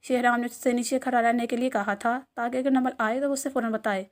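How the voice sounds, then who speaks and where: A woman's voice: on the high side, steady tone, a little fast. A woman reading a romance novel aloud as its narrator. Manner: storytelling narration.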